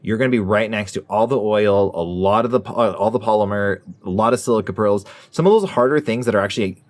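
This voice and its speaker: Man, lowish voice, rapid pace, top ten countdown delivery, informal gaming host, casual commentary. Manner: informal, folksy phrasing.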